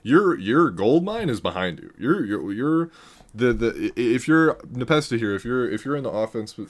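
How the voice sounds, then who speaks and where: A man's voice: medium pitch, normal speed. A man casually breaking down a recorded game match, rambling, correcting himself and often laughing. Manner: rambling, self-correcting, laughs often, gets loud when excited. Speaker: gaming commentator reviewing a match. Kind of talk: casual game analysis commentary.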